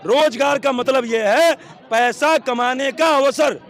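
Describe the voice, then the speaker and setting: A man's voice: very high voice, slow pace, a bit bright, some chatter behind. A man defending his side in a heated street debate outdoors, piling up examples insistently. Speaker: debate participant.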